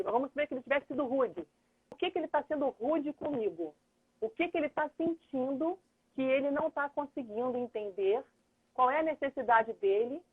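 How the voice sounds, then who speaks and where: A woman's voice: on the high side, breathy edge. A middle-aged woman, a lawyer and mediator explaining things earnestly as a guest in a live chat, thinking aloud. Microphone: phone or computer on a video call. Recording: tinny phone-like livestream audio.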